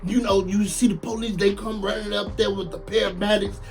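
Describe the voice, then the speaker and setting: A man in his late thirties who was once in prison tells his story in casual, animated talk, full of slang and repeated lines for emphasis. His voice sits high and sounds creaky, he speaks fairly quickly, and faint music plays behind him.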